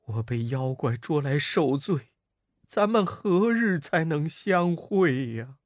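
A storyteller voicing a gentle captured monk who weeps and laments softly. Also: medium pitch, lively intonation, takes it slowly, no echo, studio quality. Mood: lamenting. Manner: soft, lamenting. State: crying. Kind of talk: storybook character voice.

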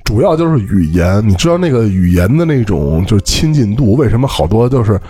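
Beijing-accented man, husky and animated. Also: fairly low pitch, brisk, soft background music. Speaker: podcast co-host. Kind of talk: casual chat.

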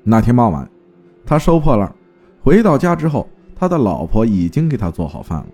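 A man narrating a folk ghost story in a lively, vivid storytelling manner. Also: medium pitch, moderate pace, husky, faint music behind.

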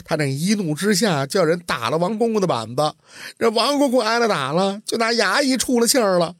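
A man storyteller voicing a tearful, injured yamen runner who whimpers his words out slowly. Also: high-pitched, expressive, fairly bright tone, dry recording, clean studio sound, voice pushed up. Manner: tearful and drawn out.

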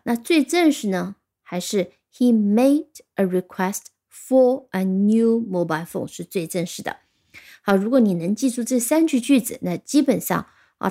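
A woman's voice: a little high, darkish tone. A woman teaching vocabulary in a recorded lesson, patiently spelling words out letter by letter. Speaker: English teacher.

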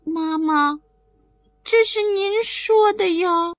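A woman doing a boastful little boy, squealing high. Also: drawn-out words, no echo, clean studio sound, heavily acted. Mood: excited. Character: boastful little boy Songsong, eager and lively.

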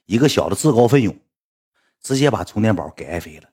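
A husky-voiced man tells rambling stories to his livestream viewers. He talks fast and swings his pitch widely, sounding lively and exasperated. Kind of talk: casual storytelling on a livestream.

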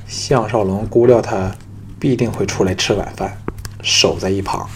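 A man narrating an audiobook in a steady storytelling manner. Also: lowish voice, moderate pace, a little hiss or hum.

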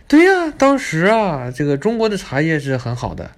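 A man's voice: a little high, wildly swooping pitch, moderate pace. A man voicing an arrogant, condescending older male British tour guide. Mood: boastful. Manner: boastful, condescending.

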